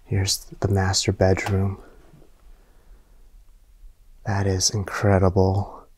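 The man's voice is low, slow, slightly mellow, and delivered completely flat, with a bit of background noise. An urban explorer vlogger, he casually narrates a walk through an abandoned mansion, easily impressed and filling gaps with fillers, on an indoor camera mic.

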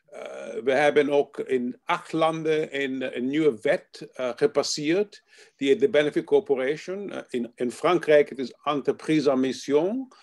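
A man in his fifties talks over a video call from home, his voice pitched a little high. He hesitates often and fills gaps with "eh", sprinkling English terms into his sentences. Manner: halting, many fillers, mixes in English terms. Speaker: panel speaker. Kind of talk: online meeting talk. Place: home room, indoors.

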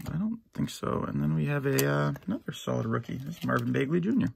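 A middle-aged man opening a box of sports cards for his channel, easygoing and rambling with lots of fillers and restarts, a little hoarse and clearing his throat now and then. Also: fairly high pitch, lively intonation, fast talker, darkish tone, a little hiss or hum. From United States. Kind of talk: casual box-break commentary. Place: at home, in his basement.

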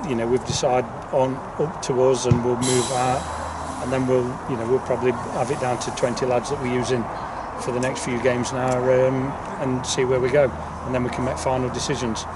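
This is a man, a football manager, speaking at a moderate pace with a level tone and hardly any pauses. His pitch is medium, and he often repeats his words during the informal post-match interview outdoors on the pitch. Background noise comes through clearly on the distant outdoor mic.

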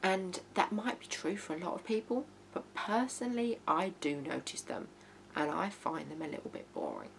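This woman in her thirties has a lowish, gravelly voice and delivers her writing advice in a very animated way at a moderate pace. She's talking to camera in an informal tutorial from a small living room, blunt and emphatic, while hum and background noise run underneath.

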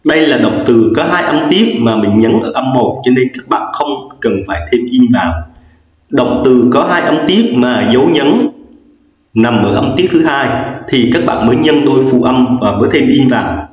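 A man's voice: medium pitch, animated, normal speed, a little mellow. A man teaching an English grammar lesson, explaining patiently and repeating each rule with frequent fillers. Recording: echoey lo-fi room recording.

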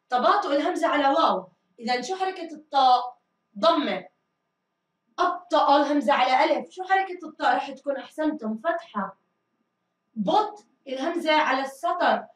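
A woman teacher giving a grammar lesson, drilling answers and stretching words slowly. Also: high voice, far from the mic. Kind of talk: recorded classroom grammar lesson. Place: school studio room. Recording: echoey room, mic set back.

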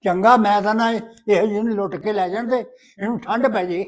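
A gruff older grandfather in a homemade family drama, tossing off curt, dismissive remarks, played by a man. His voice sits high for a man. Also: steady tone, a little fast, lightly acted. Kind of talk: amateur family web drama.

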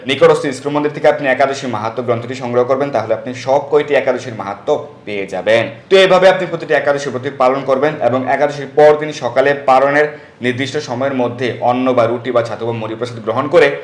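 A man with a Bengali accent giving devotional instruction and telling a scripture story, listing the rules one by one in a steady voice. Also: medium pitch, echoey room. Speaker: religious teacher.

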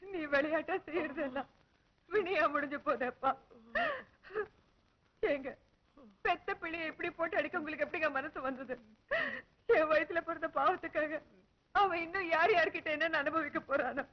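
Actress as a sorrowful village mother, high voice, dull film audio. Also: moderate pace, long pauses, close to an everyday voice. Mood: grieving. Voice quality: pleading, sorrowful. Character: grieving village mother of a beaten son.

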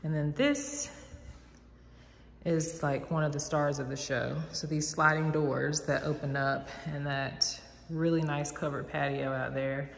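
A young woman from the American South gives a chatty, enthusiastic home tour as a vlogger, dropping lots of "like"s in her low-pitched voice. Her delivery is flat, a little slow and creaky. She walks through an empty house holding a phone camera, and the bare rooms echo around her in this casual walk-through narration.

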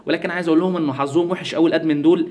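A man's voice: on the high side, steady tone, racing, darkish tone. A man from Egypt with an Egyptian Arabic accent, giving sarcastic, mocking commentary in a comedic vlog. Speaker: YouTuber.

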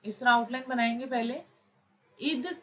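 A woman with a fairly bright tone teaches shorthand, explaining each word slowly and patiently, step by step, with drawn-out words. The recording is dull and low-fi with faint noise.

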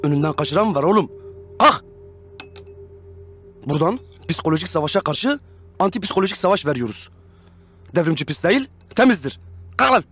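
A man's voice: fairly high pitch, expressive, brisk, long pauses, fairly bright tone, slight background noise. A man in his thirties playing a bossy, self-important revolutionary leader in a TV comedy-drama, commanding and pompous. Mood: exasperated. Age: 30s. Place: furnished rooms of a house.

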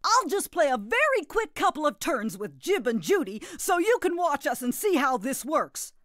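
A woman's voice: high voice, big pitch swings, normal speed, a bit bright, no echo, studio quality. A woman voicing a jolly, doting, slightly nutty grandmother who hosts a children's game in a folksy, gleeful, exclamatory way. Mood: cheerful, instructive. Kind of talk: animated children's game narration.

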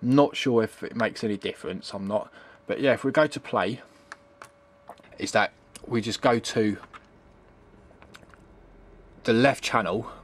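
A middle-aged man with a fairly low, breathy voice gives an improvised retro computing tutorial from his home computer desk. He rambles, hesitates, and keeps repeating himself. The audio comes from the built-in microphone of a handheld camera.

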